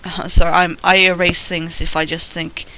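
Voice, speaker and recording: A squeaky, thin-voiced artist casually narrating a drawing process in an informal, rambling, self-deprecating way. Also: flat delivery, moderate pace, pushed and bright, rough recording. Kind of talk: casual drawing tutorial commentary.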